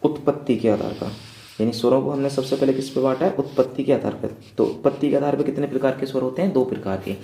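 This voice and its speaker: A man's voice: medium pitch, fast talker, dark tone. A male teacher giving an exam revision lecture, asking his class rhetorical questions and checking in with them over and over. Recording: echoey room.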